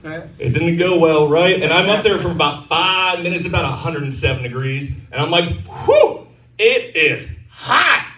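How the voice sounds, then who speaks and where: A brash man in his thirties working a stand-up crowd, with a crude, self-mocking delivery and a fairly high voice for a man. He is heard a little off the mic, and the club room rings around him. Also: moderate pace, a bit bright. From Texas. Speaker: stand-up comedian. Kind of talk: stand-up comedy set. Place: comedy club stage. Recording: roomy club sound from a distance.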